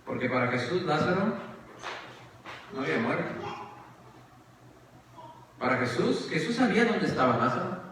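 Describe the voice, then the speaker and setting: A man's voice: sing-song, moderate pace, long pauses, slight background noise. Man preaching in an echoey church. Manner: dramatic, swings from raised questions to hushed low emphasis. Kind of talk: sermon. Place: church sanctuary. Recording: echoey church hall, far from the mic.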